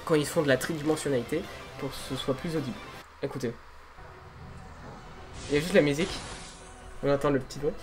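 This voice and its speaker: Jeune youtubeur bavard et enthousiaste. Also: male voice, sits high. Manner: chatty, self-deprecating, excited. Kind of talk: casual amateur dubbing vlog. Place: room at home, late at night. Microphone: desk microphone.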